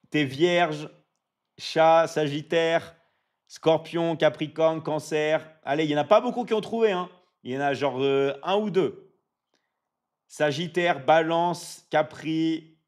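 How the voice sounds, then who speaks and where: A man, likely in his thirties, hosting a casual livestream, chatting with viewers and repeating himself with lots of fillers. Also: a little high. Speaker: livestream host. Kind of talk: casual live-stream chat reading viewer comments.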